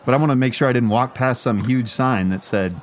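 A man's voice: medium pitch, brisk. Man telling a self-mocking story. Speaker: podcast co-host. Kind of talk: casual chat.

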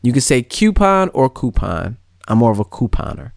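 A man's voice: medium pitch, racing, creaky, no room sound, studio quality. A man co-hosting a podcast, arguing in casual banter and laughing often. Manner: animated, argumentative, laughs often. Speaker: podcast co-host.

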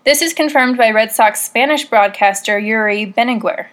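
A woman with a slightly higher voice talks her way through a prepared monologue. She is chatty and wry, and pokes fun at herself as she goes. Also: normal speed. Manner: wry, self-deprecating, chatty. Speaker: podcast host. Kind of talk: casual scripted monologue.

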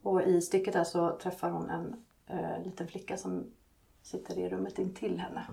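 A woman author talks on a podcast in a low, gravelly voice. She pauses often and fills the gaps with hesitations. Her answers come slowly and thoughtfully. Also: level tone, warm tone. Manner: hesitant, many fillers. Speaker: author and guest.

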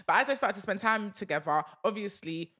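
A young woman with an urban London accent races through casual podcast chat at a middling pitch. She retells situations with emphasis and slang, slipping into quoted lines as she explains. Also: expressive, a little fast, bright, forceful tone. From Britain. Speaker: podcast co-host.

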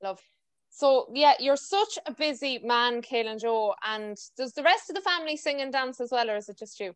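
A woman's voice: high voice, normal speed, clean tone. A woman with a west of Ireland, County Mayo accent, hosting a casual, chatty podcast interview over a video call. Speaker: podcast host.

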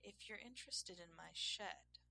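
A woman's voice: a little slow, gravelly, pushed and bright, a little hiss or hum, exaggerated voice. Woman murmuring as a brooding man neighbor. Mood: low teasing. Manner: low murmur, rumbling and teasing.

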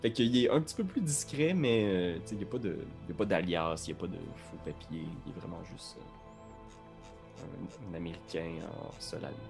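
Hesitant man, low voice. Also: fairly quick, vocal fry, over music. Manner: hesitant, many restarts and fillers. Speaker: player. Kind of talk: tabletop game play.

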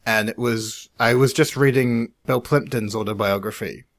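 A man with a middle-pitched voice, talking over his filmmaking experience in a relaxed podcast chat. He speaks in a measured, reflective manner, and his sentences often fade off quietly at the end. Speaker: podcast co-host, independent filmmaker. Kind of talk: casual chat.

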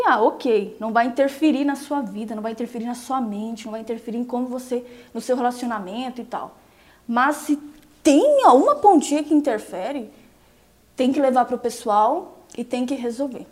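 A young woman coaching viewers on married life during a relaxed live stream. Her voice sits a little high for a woman. She talks emphatically and keeps checking in with her listeners. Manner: emphatic, often checks in with "entende?". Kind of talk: casual live-stream advice chat with viewers.

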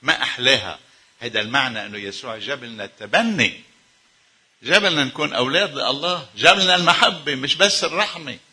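A man's voice: medium pitch, animated, fast talker, sharp tone, slightly rough. A male preacher with a Lebanese accent delivering a sermon, putting emphatic rhetorical questions to his congregation. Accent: Lebanese Arabic.

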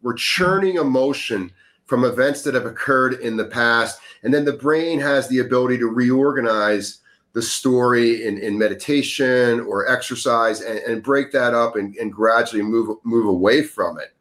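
A man with a mid-range voice talks in an earnest, coaching way during a relaxed podcast chat. He leans into his points and grows more emphatic as he explains. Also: medium pitch, normal speed. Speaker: breathwork guest. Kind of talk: casual podcast conversation.

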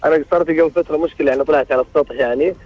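A man's voice: fairly high pitch, fairly even intonation, very fast, no echo, dull audio. A man calling in for marriage advice. He rambles and keeps restarting as he searches for words. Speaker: caller seeking marriage advice. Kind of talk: call-in radio conversation.

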